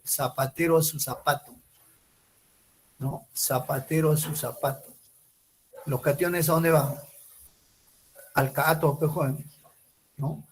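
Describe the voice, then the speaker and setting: Guy teaching chem, kinda high voice, asks stuff then answers it himself, repeats things to drill them in. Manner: emphatic, repeats key words. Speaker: chemistry teacher. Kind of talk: recorded class lecture.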